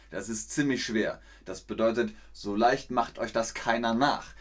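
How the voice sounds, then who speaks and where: A man teaching a live-streamed language lesson. He explains slowly and clearly, and his voice sometimes jumps up high with excitement. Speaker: German teacher and livestreamer.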